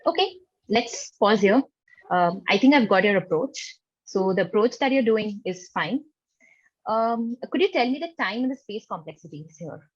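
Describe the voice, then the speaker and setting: A woman's voice: medium pitch, animated, moderate pace, husky, dry recording. A woman conducting a formal mock technical interview over an online call, patient and reassuring, phrasing things tentatively. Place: online video call with screen sharing. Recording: dull lo-fi online call, dry.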